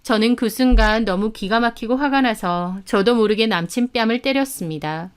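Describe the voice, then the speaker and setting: A woman's voice: on the high side, moderate pace, clean tone. A woman narrating a first-person drama story in an indignant, dramatic tone.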